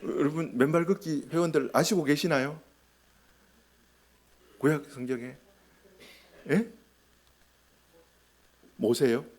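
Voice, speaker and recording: Emphatic male pastor, rather high voice. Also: slow, pauses often, husky. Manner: emphatic, asks the congregation rhetorical questions; acts out short quoted lines with swings in pitch and loudness. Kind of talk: sermon.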